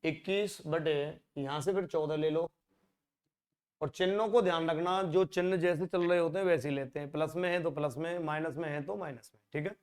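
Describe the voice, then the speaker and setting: Chatty maths teacher, slightly high voice. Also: male voice, fairly even intonation, brisk, darkish tone. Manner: conversational, rhetorical questions, drops to a low mutter when working. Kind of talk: exam-prep maths lesson.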